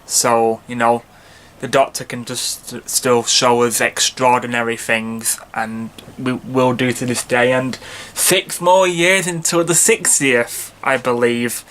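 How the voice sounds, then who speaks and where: A man's voice: mid-range voice, steady tone, takes it slowly, a bit bright. An earnest young man in his early twenties talks straight to his viewers. His delivery rambles, is packed with "you know" fillers and false starts, and sounds sincerely enthusiastic. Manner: earnest, heartfelt fan enthusiasm. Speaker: vlogger, channel host. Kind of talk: casual fan vlog chat.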